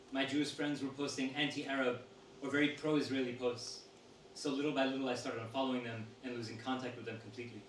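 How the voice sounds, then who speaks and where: A man reads interview answers aloud in a steady, measured way. His voice is caught from a distance in an echoey room. A faint hiss sits underneath. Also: medium pitch. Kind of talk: reading a text aloud to an audience. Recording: roomy sound from a distant mic with faint noise.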